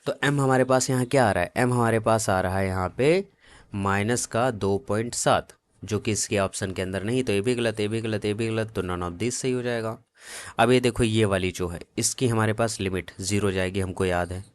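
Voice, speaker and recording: A man with a low, smooth, resonant voice leads an exam-prep math lesson. He works through each problem step by step in a casual, familiar way, often stopping to check that his students follow. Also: normal speed. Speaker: math tutor.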